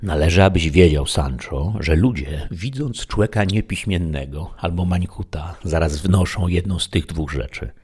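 Narrator reading a lofty old knight in an audiobook: deep, husky, archaic and admonishing. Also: male voice, normal speed, few pauses, a little mellow. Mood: stern. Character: aging idealistic knight, lofty and quick-tempered.

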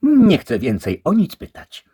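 Man putting on a squeaky curious lady voice, husky. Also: huge pitch swings, measured pace, dark tone, no echo, studio quality, heavily acted. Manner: high, insistent. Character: vain curious young lady.

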